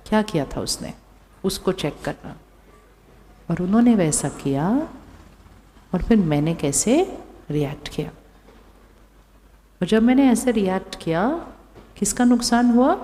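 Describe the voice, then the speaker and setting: A woman giving a calm spiritual talk to a live audience. She keeps asking the crowd questions and repeats her phrases. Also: mid-range voice. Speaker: spiritual speaker. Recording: long hall reverb.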